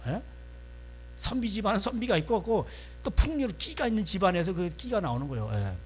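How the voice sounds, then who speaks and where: A male pastor preaching a sermon in a church, folksy and animated, constantly prompting the congregation. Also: high-pitched, slightly rough.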